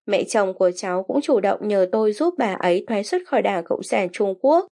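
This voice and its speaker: An older woman from China calmly and earnestly reading a first-person testimony as scripted narration. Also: mid-range voice, fairly quick.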